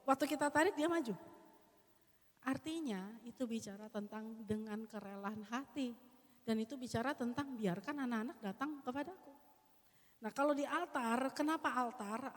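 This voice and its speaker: A woman with a somewhat high voice trains children's ministry teachers at a church workshop. She talks casually and lively, jumping into acted-out prayers and small demonstrations. Her voice carries a long hall reverb. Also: normal speed.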